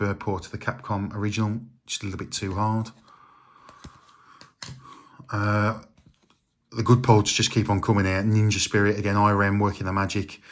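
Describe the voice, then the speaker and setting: Rambling man, slightly low voice. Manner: relaxed, rambling, many ums and uhs. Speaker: retro game collector. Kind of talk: casual collection vlog.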